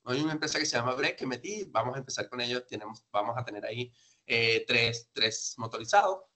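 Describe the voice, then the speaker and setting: A man with a medium-pitched voice speaks in an animated, slightly fast way, his tone pushed and bright. He's a sales trainer presenting informally and instructively, emphatic and conversational, often posing questions and answering them himself. He grew up outside Peru but now lives there.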